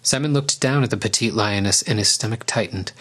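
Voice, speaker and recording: Man, storybook narrator, calm, even reading, somewhat low voice. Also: fairly quick.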